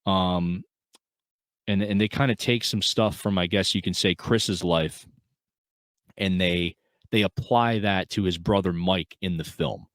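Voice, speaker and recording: This man's voice is low-pitched and measured, captured in a dry recording. As co-host of a film podcast doing casual review chat, he rambles earnestly, using many fillers and restarts.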